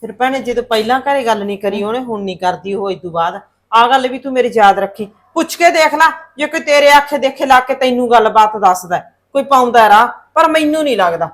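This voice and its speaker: A woman plays a fretful middle-aged mother in a short film drama, pressing her point again and again. Her voice is high, and her talk stays anxious and insistent. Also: expressive, fast talker, hardly any pauses, lightly acted. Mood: worried. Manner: worried, insistent. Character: anxious mother worried about her son's marriage.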